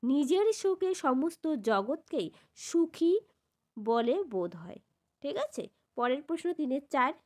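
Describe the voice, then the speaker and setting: Lively high-voiced woman teaching a lesson. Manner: repeats a checking question at the end of each point; spells out syllables slowly. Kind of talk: classroom grammar lesson.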